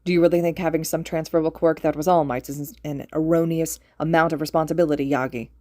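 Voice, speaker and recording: Brief: woman as a worn-out, sharp-tongued teacher, low and mumbled. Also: fairly even intonation, fast, no echo, clean studio sound, lightly acted. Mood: frustrated. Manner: blunt, swearing, mumbled. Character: exhausted, gruff male teacher.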